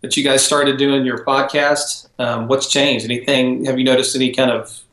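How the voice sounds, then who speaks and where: A man's voice: medium pitch, flat delivery, normal speed, a bit bright. A man with a mid-range voice that rings in an echoey room. He asks long, searching questions, restarting and rephrasing as he goes, in an easy conversational tone. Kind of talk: casual interview questions.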